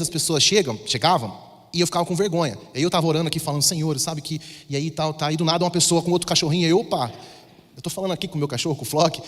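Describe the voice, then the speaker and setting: A Brazilian man with a Brazilian Portuguese accent, preaching a sermon in a conversational, storytelling way. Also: sits high. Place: large church hall. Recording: reverberant church hall.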